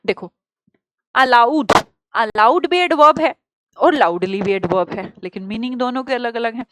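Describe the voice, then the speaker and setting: High-voiced Indian woman teaching grammar. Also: normal speed, background noise. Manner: lively explaining, asks rhetorical questions, calls students child. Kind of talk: exam-prep grammar lesson.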